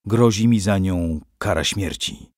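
A man's voice: low-pitched, darkish tone, dry recording, studio quality. Man voicing a stern old-style nobleman father. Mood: grave. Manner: old-fashioned, measured speech. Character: stern middle-aged Polish nobleman father.

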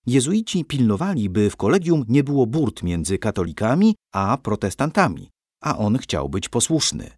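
Expressive male storybook narrator. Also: medium pitch, moderate pace, husky, dry recording, studio quality. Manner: expressive, acts out the characters.

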